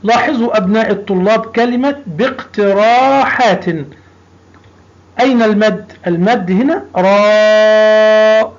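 A man with a high, light voice teaches a recorded primary school lesson, stretching out sounds and repeating each word slowly and patiently for young pupils. The recording is dull and a little lo-fi.

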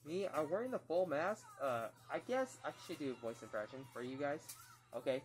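A man vlogging casually as a cosplayer doing voice impressions, talking in halting short phrases. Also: a little high, animated. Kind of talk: casual chat in character as a cosplayer. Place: small room at home.

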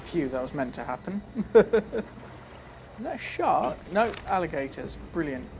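A man chatting casually while playing a video game live, breaking into quick exclamations as he reacts. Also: fairly high pitch, very animated, gravelly, darkish tone, slight background noise. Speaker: streamer. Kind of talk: live gameplay commentary. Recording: game music playing behind.

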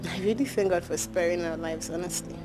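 An actress with a Nigerian accent playing a devout, long-suffering wife who speaks softly and patiently. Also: female voice, on the low side, fairly quick, music in the background, natural voice. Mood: hopeful. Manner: soft, patient, faith-filled. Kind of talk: film drama acting.

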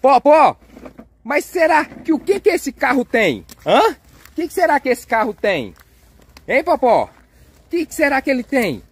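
A young father, filming his kids at play outdoors and narrating in an excitable, coaxing way. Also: extremely high pitch, measured pace, slight background noise. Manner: excitable, coaxing, cheers and exclaims often. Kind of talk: playful family vlog narration. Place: outdoors on a street and yard.

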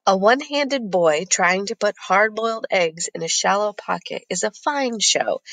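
A woman narrating a first-person novel as an audiobook in a steady, measured reading. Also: on the low side, no echo.

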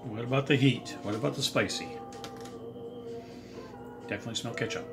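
A middle-aged man from the United States giving a casual, unhurried, halting tasting review to camera while crunching chips. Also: mid-range voice, over loud music. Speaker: snack reviewer. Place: home kitchen, indoors.

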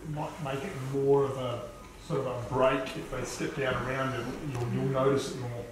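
A man's voice: medium pitch, little pitch movement, normal speed, far from the mic. A young man, a builder, chatting casually on site in a laid-back, tentative way. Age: young adult. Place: bare indoor hallway under renovation. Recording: very echoey, loud noise, off-mic.

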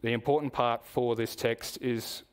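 A man with an Australian accent preaching a sermon in a church, measured and explanatory, asking the congregation questions. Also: medium pitch, fairly even intonation, clear, resonant tone.

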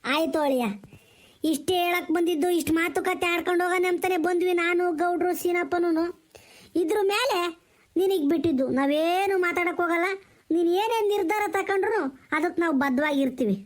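A man's voice: extremely high pitch, fairly quick. A man playing an emotional middle-aged brother who begs through tears. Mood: tearful. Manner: tearful, pleading. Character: emotional middle-aged brother begging for his sister's care.

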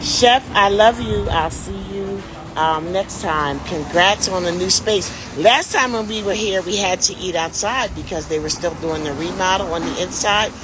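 A middle-aged woman, a tour organizer who hosts a vlog, speaks at a moderate pace in a lowish voice amid background noise. Music plays clearly behind her as she films a casual live selfie video on a city street, arm's-length phone in hand, enthusiastically calling everyone y'all.

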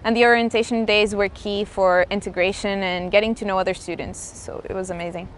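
A woman's voice: mid-range voice, steady tone, fairly quick, a little hiss or hum. A young woman from Portugal, an engineering student giving enthusiastic interview answers outdoors in a square. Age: young adult.

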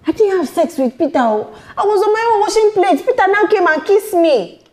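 A woman's voice: extremely high pitch, lively intonation, moderate pace, a little mellow, roomy sound. A woman playing an apologetic young Nigerian housemaid who pleads and apologises. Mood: pleading.

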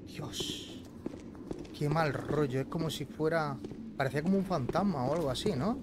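A man with a Peninsular Spanish accent giving casual, sweary, scared commentary as he streams a horror game. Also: fairly quick. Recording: loud rumbling noise behind voice.

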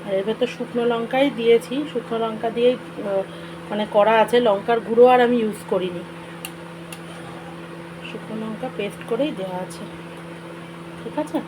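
A woman with a hoarse voice from a cold, chatting casually to viewers in a home vlog from her kitchen. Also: fairly high pitch, steady tone, moderate pace, long pauses. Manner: chatty, addresses viewers directly. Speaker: vlogger. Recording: noisy home recording.

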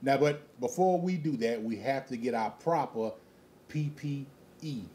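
A man's voice: mid-range voice, expressive, mellow. A man co-hosting a food review, chatting casually and jokingly, drawing out and repeating his words. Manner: joking, drawn-out, repeats himself. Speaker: co-host of a food review show. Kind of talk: casual chat.

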